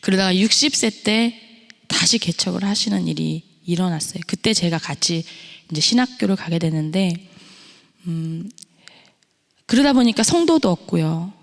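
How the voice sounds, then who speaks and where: A woman's voice: lowish voice, animated, normal speed, gravelly. A middle-aged woman preaching a testimony sermon in a church, telling her story and posing rhetorical questions to the congregation. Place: church sanctuary. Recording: long reverb of a church hall.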